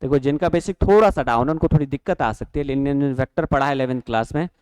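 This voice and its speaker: A man's voice: medium pitch, racing, darkish tone, smooth, dry recording. Man teaching physics in a dry room. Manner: explains step by step, asks and answers students' questions himself; mixes English terms into Hindi. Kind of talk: classroom lecture. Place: classroom or studio.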